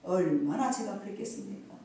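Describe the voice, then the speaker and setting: During Sunday worship, the sanctuary echoes heavily as a middle-aged woman pastor preaches live, animated and fairly quick, in a warm medium-pitched voice. Her emphatic, folksy storytelling draws responses from the congregation, and the distant mic picks up faint noise.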